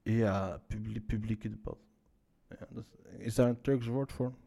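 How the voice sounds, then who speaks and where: A man's voice: on the low side, fairly even intonation, unhurried, gravelly, warm tone. A man reacting to a story he reads aloud, blunt and incredulous, swearing and stumbling over repeated words. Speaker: reaction commentator. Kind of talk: reaction commentary.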